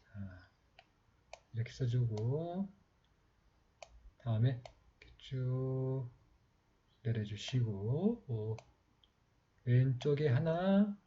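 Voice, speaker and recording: A man giving a slow, patient step-by-step writing lesson, talking while he writes, with many pauses. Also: mid-range voice, lively intonation. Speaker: calligraphy teacher. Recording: slightly dull lo-fi sound with faint noise.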